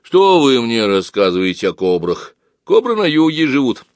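A man's voice: mid-range voice, sing-song, moderate pace, dry recording, pitched above the performer's own voice. A man voicing a know-it-all male train passenger who lectures sarcastically. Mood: lecturing.

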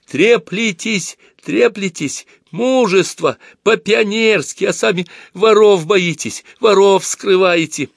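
A man's voice: medium pitch, very animated, slow, vocal fry, long pauses, no echo, studio quality, exaggerated voice. A man voicing a hot-tempered young girl pioneer who cries out shrilly in anger, in a storybook reading. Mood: screaming.

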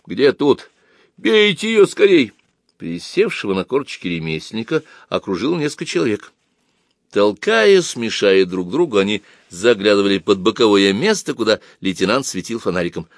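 Male audiobook narrator, low voice, animated intonation, dry close recording. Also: a little fast, no echo. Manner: expressive reading with many acted voices.

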